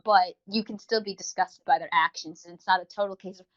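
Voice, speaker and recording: A woman co-hosting a podcast speaks briskly in a lowish, steady voice. Her review is rambling and enthusiastic, delivered in a casual, chatty way, and the recording sounds dull and lo-fi.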